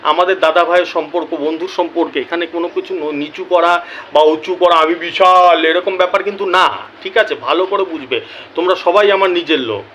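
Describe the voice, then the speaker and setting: A chatty Bengali man with a bright, forceful voice pitched a little high, talking casually to his viewers and clearing a troubled throat now and then. He keeps checking in with his listeners and sounds apologetic. A faint hiss of background noise sits under him. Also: a little fast, poor audio. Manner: chatty, repeats "ঠিক আছে?", apologetic. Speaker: lottery result channel host.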